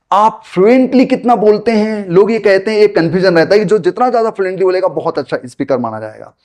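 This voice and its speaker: A man's voice: sits high, darkish tone. A man teaching beginners spoken English, explaining patiently and repeating his points to viewers he calls friends. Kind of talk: spoken English lesson to camera.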